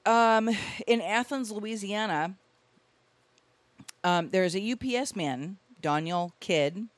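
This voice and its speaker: Woman co-host reading weird news, lively and chatty, dry close sound. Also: mid-range voice, slow pace, dry recording. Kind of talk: casual podcast chat.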